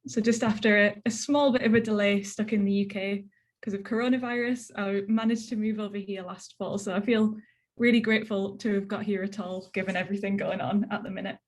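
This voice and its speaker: This young northeast Englishwoman, with a Northeast English accent, delivers a research talk by video call in a brisk, steady, mid-range voice. She's chatty and plain in her explanations, frequently dropping in "so" and "um".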